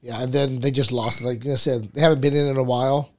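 A man's voice: medium pitch, steady tone, quick pace, darkish tone. A man co-hosting a casual sports chat, talking like a frat bro with slangy, freely sweary banter. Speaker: podcast co-host.

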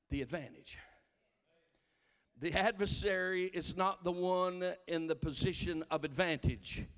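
A man preaching a sermon, impassioned, his delivery swelling into shouted cries. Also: sits high, in a large hall. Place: church sanctuary.

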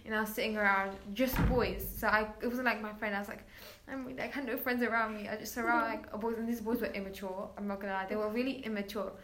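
A woman's voice: medium pitch, fairly even intonation, fast talker, few pauses, fairly bright tone. A woman telling a personal story as a guest in casual chat, chatty, with many filler words, acting out quoted lines.

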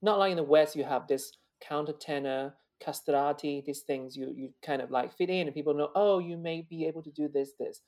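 A Chinese opera singer, appearing as a guest in an interview, speaks earnestly and reflectively in a high male voice that is slightly mellow. He talks fairly quickly with few pauses, often restarting and repeating words.

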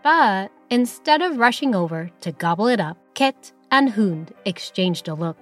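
A woman narrating a children's story in an expressive storybook reading voice. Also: mid-range voice, measured pace, soft background music.

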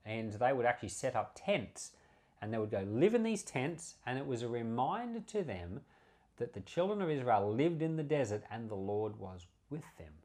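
An Australian pastor who hosts a Bible podcast teaches informally, speaking earnestly and conversationally and repeating points for emphasis. His mid-range voice is sing-song and darkish, at a moderate pace.

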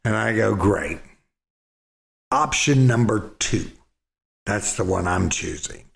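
Middle-aged man, low gravelly voice, slow folksy rambling storyteller, echoey room. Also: expressive. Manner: folksy, rambling with repeated words. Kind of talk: casual storytelling.

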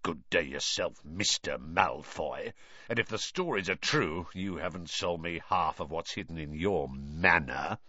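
A man voicing an oily, obsequious shopkeeper who talks slowly. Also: low-pitched, wildly swooping pitch, pushed and bright, dry recording, dull audio, full character voice. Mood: sour. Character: oily, fawning shopkeeper of dark objects.

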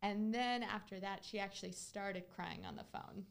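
A woman's voice: medium pitch, normal speed, gravelly, smooth. A woman hosting a podcast, talking casually and earnestly as she tells a client story. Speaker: podcast host, real estate agent.

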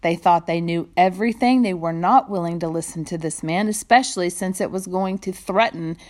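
A woman's voice: on the low side, moderate pace. A woman informally explaining a Bible passage, talking conversationally and paraphrasing the verses, recorded on a phone. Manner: conversational, paraphrasing, animated when quoting. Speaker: Bible teacher.

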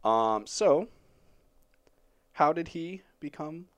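A man's voice: fairly high pitch, lively intonation, drawn-out words. A man hosting a casual podcast, rambling with lots of fillers and frequent laughs. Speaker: podcast host presenting the topic.

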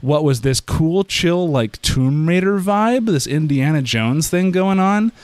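A man in casual chat explaining how something works, excitable, often restarting his sentences and acting out quoted reactions. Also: on the high side, measured pace, clear, resonant tone, dry recording.

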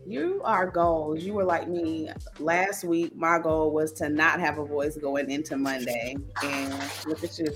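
A woman's voice: deep voice, steady tone, measured pace, few pauses, over music. A woman co-hosting a casual chat show with playful, slangy banter. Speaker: co-host, business owner.

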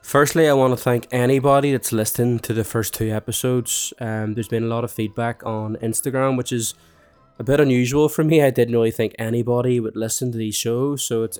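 A man's voice: medium pitch, a little mellow, smooth. A young man hosting a podcast, chatty and self-mocking, sounding nasal and bunged up. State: congested with a cold. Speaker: podcast host. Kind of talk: casual podcast monologue.

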